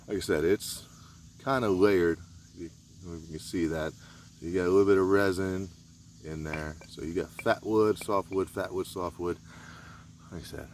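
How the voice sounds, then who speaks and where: Deep guy, laid back and rambly, showing outdoor skills, bit of cricket noise behind. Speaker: survival vlogger. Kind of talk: casual outdoor demonstration. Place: outdoors in a rural area.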